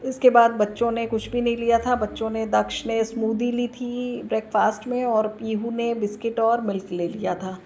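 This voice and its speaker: A woman's voice: on the high side, level tone, normal speed, few pauses, a little mellow, slight background noise. A woman, narrating a voice-over for her home vlog, chatty and homely, explaining each step. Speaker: vlogger. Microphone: recorded voice-over.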